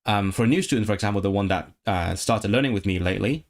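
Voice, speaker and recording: A young man talks fast in a lowish voice while streaming live, casually telling viewers about his tutoring work. He hesitates a lot, restarting sentences and filling pauses as he thinks aloud.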